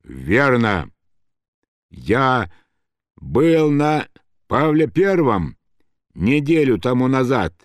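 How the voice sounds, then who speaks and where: A man voicing a drunk young officer who shouts with slurred, swaying speech. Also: medium pitch, very animated, slow, dry recording. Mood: drunken.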